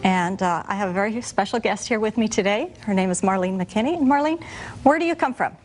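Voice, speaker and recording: A woman's voice: medium pitch, a little fast, soft background music. A woman hosting a studio cooking show, chatting with a guest and reading out recipe ingredients. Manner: friendly, reads recipe lists steadily.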